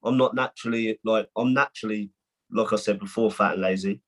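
A man, a boxer talking as a podcast guest in a halting way full of restarts. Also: on the low side, fairly even intonation, a bit bright. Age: 20s. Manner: halting, many restarts and fillers. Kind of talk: casual podcast chat.

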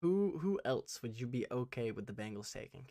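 A man from Tennessee co-hosting a sports podcast in a relaxed, chatty way. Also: medium pitch, moderate pace, no room sound, studio quality. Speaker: podcast co-host. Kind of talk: casual sports chat.

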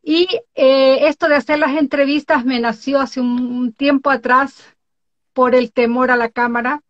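A woman's voice: high voice, fairly even intonation, unhurried. A woman from Ecuador hosting a live online interview show, talking in a chatty, exclamatory way and laughing often. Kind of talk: casual live-stream chat. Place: home in Norway. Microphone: video call. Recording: dull lo-fi live-stream audio.

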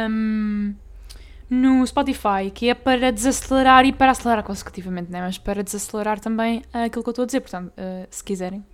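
Tongue twisters keep tripping up this young podcast host, who talks fast on her casual solo show with a European Portuguese accent. Her pitch is a little high.

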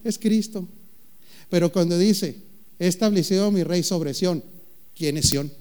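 A man preaching a sermon, joking with the congregation and calling out questions, with slow, emphatic phrasing. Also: high voice, mellow. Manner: playful, jokes with the congregation, calls out questions. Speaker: pastor.

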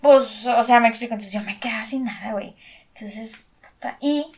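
A woman's voice: fairly high pitch, a little mellow. A young woman with a Mexican Spanish accent telling a personal story in a casual chat. She talks in slang, swears freely and acts out what people said. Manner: slangy and profane, quick to swear.

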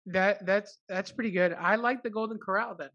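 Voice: medium pitch, moderate pace, a bit bright, lo-fi sound. A podcast host who says they are hungover, chatting casually with a guest, loose and swearing freely. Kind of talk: casual chat.

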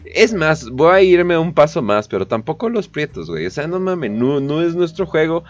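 Lively Mexican man joking through the news. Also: on the high side, normal speed. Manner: slangy, joking, profane, lots of fillers. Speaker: podcast host. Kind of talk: casual comedic news commentary. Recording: dull lo-fi podcast audio, faint music.

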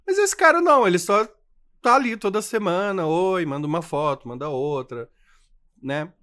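A man's voice: sits high, expressive, normal speed, a bit bright. A man with a Brazilian Portuguese accent co-hosting a podcast in casual, playful chat, teasing his co-host.

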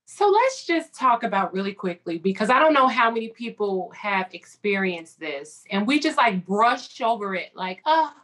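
A woman in her thirties from Chicago, telling her story in a lively, animated way in a casual conversation. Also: mid-range voice, moderate pace, hardly any pauses. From Chicago, United States. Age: 30s. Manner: animated storytelling with acted-out inner voices.

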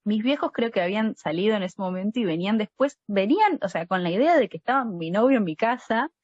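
A woman guest with an Argentine accent, telling a personal story in a lively, laughing way. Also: medium pitch, fast talker, dry recording. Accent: Argentine Spanish. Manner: animated storytelling, laughing between lines. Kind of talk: casual conversational storytelling. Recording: dry, slightly dull audio.

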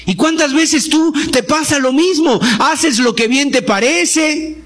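A man preaching a sermon, impassioned, acting out prayers and rising to shouts during pleas. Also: very high voice, slow. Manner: acts out prayers and quoted pleas.

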